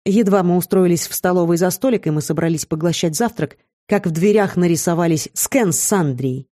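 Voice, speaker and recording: A woman reading a first-person fantasy novel aloud in a measured, reflective way. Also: fairly low pitch, warm tone. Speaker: audiobook reader.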